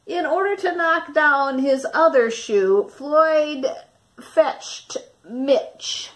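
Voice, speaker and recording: Slow, high-voiced woman reading a picture book. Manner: dramatic pauses, questions put to young listeners. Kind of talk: expressive read-aloud of a children's picture book.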